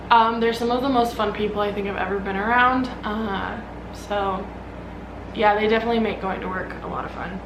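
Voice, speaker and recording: Young american woman doing a casual rambly q&a vlog, kinda high voice, roomy echo and noticeable background noise. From Omaha, Nebraska, United States. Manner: informal, rambling, frequent "like". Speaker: vlogger. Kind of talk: casual get-to-know-me Q&A vlog.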